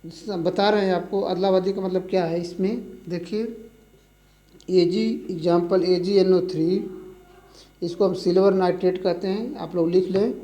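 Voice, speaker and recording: A chemistry teacher explains a lesson slowly and repetitively, spelling out formulas letter by letter. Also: mid-range voice, fairly even intonation, mellow, poor audio. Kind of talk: classroom-style lesson explanation.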